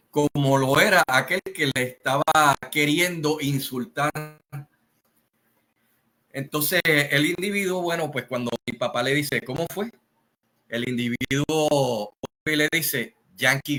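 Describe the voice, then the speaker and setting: A man with a Puerto Rican Spanish accent telling a family story in a slow, rambling way, full of fillers and restarts. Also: on the high side, animated, pushed and bright, low-quality recording. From Puerto Rico. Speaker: channel host. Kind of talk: casual storytelling monologue.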